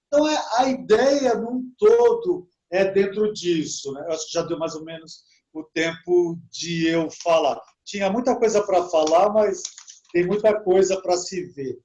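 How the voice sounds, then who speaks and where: The sound is dull, and the man's voice sits high as he leads an easygoing online English class for Portuguese speakers. He often tags on "né?" and slows down to show how English words are said.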